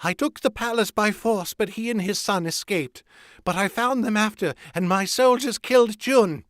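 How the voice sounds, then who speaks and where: A man reading aloud and voicing a terrified captured traitor lord, pleading in a shrill voice. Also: fairly even intonation, takes it slowly, a bit bright, dry recording, studio quality. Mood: panicked.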